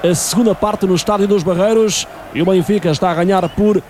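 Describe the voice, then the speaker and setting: High-pitched Portuguese male match commentator. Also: a little fast, darkish tone, a little hiss or hum. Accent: European Portuguese. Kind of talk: live radio football commentary.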